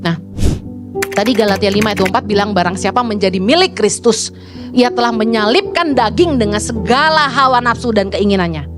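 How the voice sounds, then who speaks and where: A middle-aged woman pastor preaching a sermon in an animated way, acting out quoted people in high voices. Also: fairly quick. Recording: music playing behind the voice.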